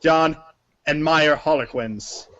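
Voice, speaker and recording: As narrator of a group reading, a man with a fairly high, slightly bright voice reads a story aloud at a slow pace. His delivery is dramatic and emphatic, like staged read-along theater, and the recording sounds slightly dull and lo-fi.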